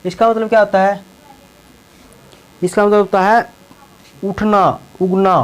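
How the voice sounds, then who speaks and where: A man's voice: sits high, little pitch movement, unhurried, smooth, rough recording. A male teacher explaining English verb forms in Hindi, often repeating words and checking in with the class. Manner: repeats words and tags lines with a check-in phrase.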